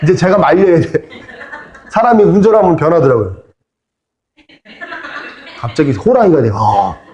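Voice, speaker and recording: A man's voice: on the high side, expressive, normal speed, a little mellow, highs cut off. A middle-aged man preaching as a pastor, in a conversational sermon with humorous asides. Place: church sanctuary. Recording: echoey church hall.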